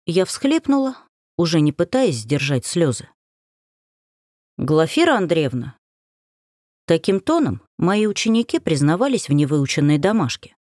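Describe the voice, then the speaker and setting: A woman narrating a first-person novel as an audiobook, expressive and emotional. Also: fairly low pitch, normal speed, dry recording, studio quality.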